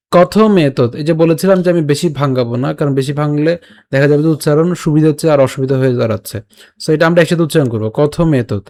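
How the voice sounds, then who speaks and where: A man gives an online recitation lesson, his voice sitting somewhat high. He breaks words into syllables and repeats them slowly, checking often that the class is following. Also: darkish tone. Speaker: Sanskrit recitation teacher.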